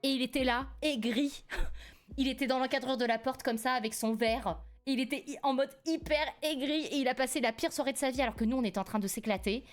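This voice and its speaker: A young woman from France in her twenties, streaming live and telling a family story in a casual, animated way, laughing often. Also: sits high, fairly quick, faint music behind. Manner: animated, laughs often, rises sharply when indignant.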